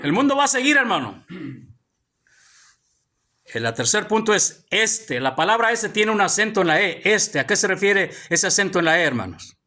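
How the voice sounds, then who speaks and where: A man's voice: high voice, very animated, moderate pace, pushed and bright. A male pastor preaching a sermon to his congregation in a church hall, constantly calling out to his brothers. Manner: preaching with frequent calls of "hermano" to the congregation.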